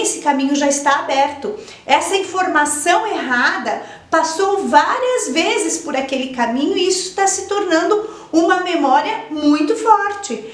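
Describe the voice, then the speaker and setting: A woman's voice: very high-pitched, reverberant. A woman giving step-by-step advice to teachers, explaining patiently and asking rhetorical questions. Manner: explanatory, repeats points, asks rhetorical questions. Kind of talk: instructional talk to teachers.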